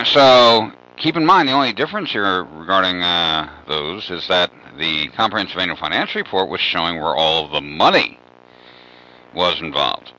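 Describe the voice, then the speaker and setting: Male radio guest, lowish bright voice, meandering storyteller with constant fillers. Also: lively intonation, normal speed, low-quality recording. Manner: rambling, many "you know" fillers. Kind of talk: radio talk show interview.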